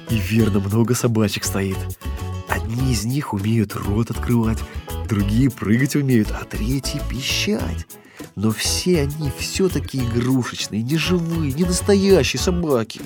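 A man narrating a children's story with an expressive, lilting read-aloud delivery. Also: medium pitch.

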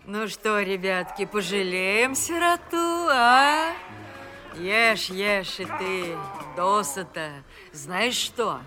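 A woman's voice: mid-range voice, expressive, very slow. An actress voicing a fussy, cooing old woman who dotes on her cats, in a radio play. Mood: matronly. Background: music.

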